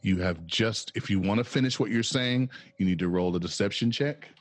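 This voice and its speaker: A man running a tabletop game as game master, narrating in a relaxed, matter-of-fact way. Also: fairly low pitch, brisk, dry recording.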